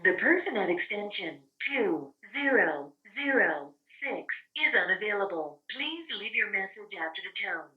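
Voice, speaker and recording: A woman's recorded voicemail greeting, played through a phone speaker, in a measured, formal prompt voice. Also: medium pitch, sing-song. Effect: automated voicemail greeting played through a phone speaker. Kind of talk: recorded system announcement. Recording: muffled phone speaker, distant, echoey room.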